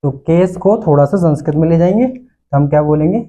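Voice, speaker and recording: High-voiced man teaching Sanskrit vocabulary. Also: fairly quick, dark tone, dull audio, slight background noise. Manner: repeats words, asks and answers own questions. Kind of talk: classroom lecture. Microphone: recorded lesson video.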